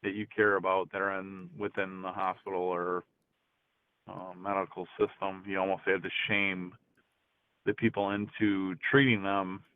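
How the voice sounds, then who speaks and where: A low, smooth male voice at normal speed comes through a tinny phone line without echo. The man is calling in for a casual chat, hesitant and prone to restarts, yet animated when caught off guard.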